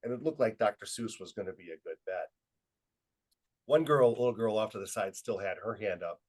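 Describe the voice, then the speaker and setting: A middle-aged man presenting a webinar, telling an anecdote in a lively way and acting out quoted dialogue, speaking into a computer mic on a video call. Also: lowish voice, brisk, low-quality recording. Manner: lively storyteller who acts out quoted dialogue. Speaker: webinar presenter and student leadership trainer.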